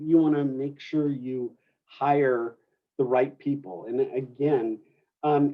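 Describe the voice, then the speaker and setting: A male instructor addresses a class in a classroom, stumbling and restarting often as he thinks aloud. His voice sits at an ordinary pitch, and the recording sounds a little muffled. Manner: rambling, with many restarts and fillers. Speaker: culinary instructor. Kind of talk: classroom lecture.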